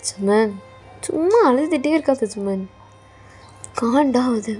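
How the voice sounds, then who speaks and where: A cold, curt young man in a fan audio drama, as a woman acts him out. The voice is fairly high, with a dark and mellow tone. Soft music plays behind him. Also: expressive, takes it slowly, husky, full character voice. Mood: irritated. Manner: curt, blunt.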